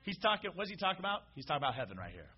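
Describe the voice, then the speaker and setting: Male preacher, high-pitched, animated sermon, muffled lo-fi sound. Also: racing. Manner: casual and animated, calls out to the congregation.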